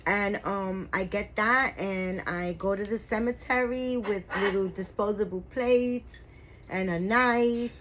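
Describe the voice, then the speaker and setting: A woman's voice: mid-range voice, rough recording. Fifty-something lady rambling to her viewers, lots of um and you know, slight hiss behind. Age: 50s. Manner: rambling, full of fillers and restarts. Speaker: doll collector vlogger. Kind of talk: casual chat to viewers.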